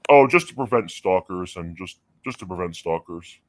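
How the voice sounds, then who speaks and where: A male caller talks through a voice changer that drags his voice down into a deep, artificial register, and the sound is dry and close. He is in his forties and rambles in halting bursts full of fillers and casual swearing. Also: lively intonation, no room sound. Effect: deep pitch-shifted voice changer. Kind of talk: casual call-in chat.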